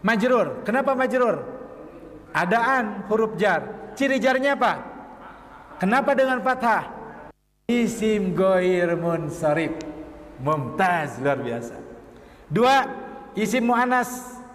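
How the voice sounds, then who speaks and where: A male Islamic teacher giving a classroom lecture in a mosque hall, drilling the class with quick questions and answers and chuckling between points. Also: sits high, lively intonation, a bit bright.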